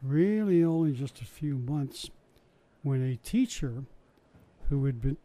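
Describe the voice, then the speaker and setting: A warm, mid-range male voice with lively intonation unfolds at a slow pace. In oral-history style, this older interviewee casually recounts his science show work, wry and talkative, often restarting as he goes.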